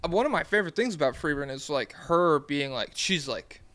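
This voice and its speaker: A man's voice: on the high side, lively intonation, a little fast, fairly bright tone, no echo. A man co-hosting a podcast, chatting casually and animatedly, laughing and swearing now and then. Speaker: podcast co-host. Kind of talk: casual chat.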